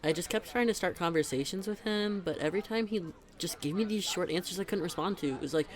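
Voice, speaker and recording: With a high, natural-sounding voice, a young man speaks fast as a chatty, teasing best friend in a conversational roleplay. The scripted monologue is exasperated venting, delivered in a casual, emphatic way.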